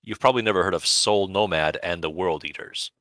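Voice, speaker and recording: A man's voice: deep voice, brisk, fairly bright tone, no room sound. A man co-hosting a podcast in casual chat, with dry, sardonic humor. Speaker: podcast co-host.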